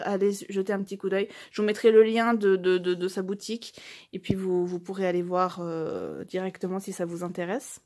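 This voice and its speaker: On her channel, a woman casually unboxes a tarot deck, gushing over every little item. She's hesitant, full of fillers and restarts, and slows to stumble through English phrases. Her pitch is mid-range.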